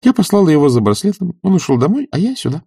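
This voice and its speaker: Reading aloud, a man takes on a full character voice for a playful, teasing young woman in love, pitching himself above his natural voice. His delivery is a little high, sing-song and fast, with vocal fry, a warm tone and a breathy edge. The audio is clean studio sound with no room noise.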